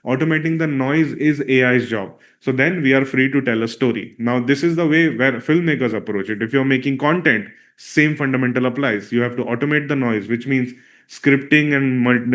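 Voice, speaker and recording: Speaking at a moderate pace with a medium, slightly bright voice, a filmmaker who speaks Marathi presents a live online workshop. He keeps the tone loose and chatty, filling pauses with "uh" and repeatedly checking "all right?" so his audience stays with him.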